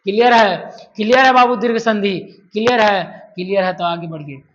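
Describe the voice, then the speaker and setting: A man with a high-pitched, fairly bright voice teaches a classroom-style grammar lesson a little fast. He drills syllables aloud over and over and poses questions only to answer them himself. The recording sounds dull and lo-fi.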